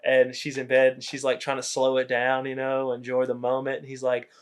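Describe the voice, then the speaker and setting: A man's voice: medium pitch, brisk, smooth. A young man co-hosting a podcast, casually retelling comedy movie scenes and acting out the lines. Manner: animated storytelling, acts out quotes. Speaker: podcast co-host.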